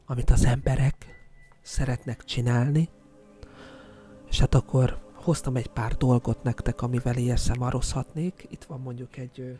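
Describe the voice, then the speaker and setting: A young man doing a mock ASMR host in a soft, hushed, mock-soothing voice, as a whispered role-play. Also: mid-range voice, slightly rough, pitched below the performer's own voice, natural voice.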